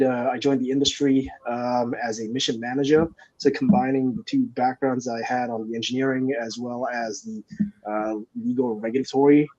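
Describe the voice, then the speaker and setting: A man from Singapore, a company founder answering interview questions in a measured, explanatory way. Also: medium pitch, a little mellow, lo-fi sound. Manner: measured, explanatory, frequent fillers.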